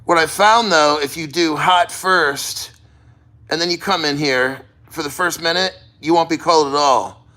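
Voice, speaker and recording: Male vlogger, fairly high bright voice, loose rambling delivery, blunt and sweary, casual first-person talk. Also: unhurried. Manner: rambling, plain-spoken, profane. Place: sitting in a cold plunge.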